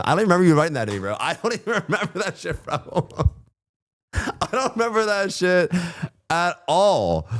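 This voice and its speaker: A man's voice: medium pitch, no echo. A worn-out, hungover man chatting casually to livestream viewers in slangy, profane, rambling, self-deprecating talk, on a close streaming microphone. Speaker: live streamer.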